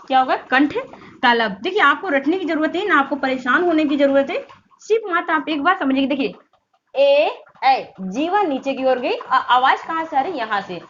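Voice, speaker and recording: A high-pitched woman teaches Hindi grammar. She asks questions over and over and stretches the vowel sounds to demonstrate them. The recording is slightly dull and lo-fi, with a faint hiss behind her. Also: a bit bright. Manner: repetitive call-and-response questioning. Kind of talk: exam-prep grammar lesson.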